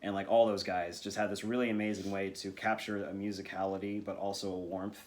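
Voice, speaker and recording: A man speaking as a voice actor guest in a casual interview, relaxed and thoughtful, rambling with lots of fillers. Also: sits low, fairly quick.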